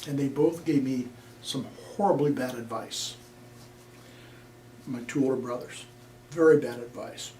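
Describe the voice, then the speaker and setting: With a dark tone and a mid-range voice, this older Nebraska man talks a little slowly, leaving long pauses. He is a veteran in an oral history interview, plainspoken and rambling, full of fillers, recorded with a distant mic in an echoey room with faint noise.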